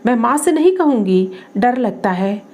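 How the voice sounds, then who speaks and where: A woman reading the lines of a sharp-tongued young woman in a storybook drama, tart and scolding. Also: a little high, sing-song, normal speed. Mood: flustered.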